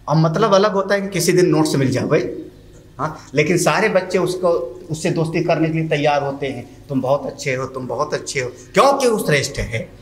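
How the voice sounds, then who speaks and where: A man, a swami, giving a sermon-style commentary on scripture, chanting Sanskrit verses slowly and then explaining them in homely Hindi. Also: fairly high pitch, fairly bright tone, echoey room.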